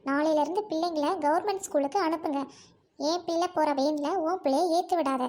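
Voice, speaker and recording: A woman plays a stuck-up, fussy mother in a comedy skit, her voice very high-pitched. She speaks with a Trichy Tamil accent. Her tone stays disdainful and haughty. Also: brisk, darkish tone, a little hiss or hum, close to an everyday voice.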